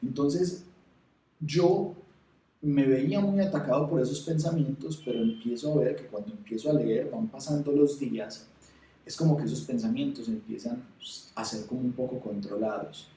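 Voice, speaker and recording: A man tells his faith story in a halting, heartfelt way, often circling back over his words. His voice has a dark, mellow tone. He sits back from the microphone in an echoey room. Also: mid-range voice, far from the mic. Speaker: testimony speaker. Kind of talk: spoken personal testimony.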